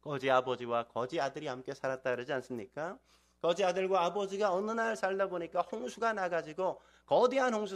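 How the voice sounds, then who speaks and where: A man's voice: on the high side, a bit bright. A man preaching a sermon to his congregation, asking them frequent rhetorical questions and acting out the voices in his stories. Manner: acts out quoted voices in anecdotes. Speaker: pastor. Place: church sanctuary.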